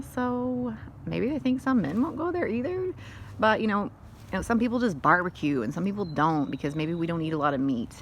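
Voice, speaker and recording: A woman's voice: on the low side, creaky, a little hiss or hum. Rambling, chatty woman outdoors. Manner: rambling, chatty, wanders into tangents. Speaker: vlogger showing how to make lye. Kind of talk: casual how-to demonstration. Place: outdoors on a sunny day by a wood fire.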